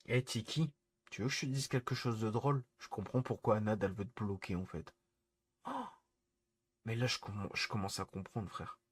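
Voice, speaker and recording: Exasperated husky male streamer ranting. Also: fairly low pitch, normal speed. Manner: exasperated, repetitive, scolding viewers. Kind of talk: live-stream rant to chat.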